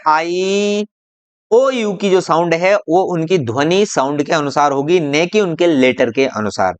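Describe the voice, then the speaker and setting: A teacher explaining a lesson in a patient, repetitive way. The teacher poses questions to the viewer, answers them, and draws out example words slowly. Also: mid-range voice, clean tone. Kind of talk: classroom-style explainer video.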